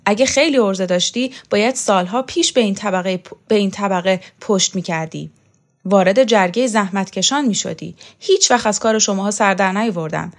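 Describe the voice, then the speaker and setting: A woman's voice: medium pitch, close to an everyday voice. A woman reading a novel aloud, voicing a young man who lectures in a scornful, preachy way. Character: sharp-tongued young male student, lecturing and scornful.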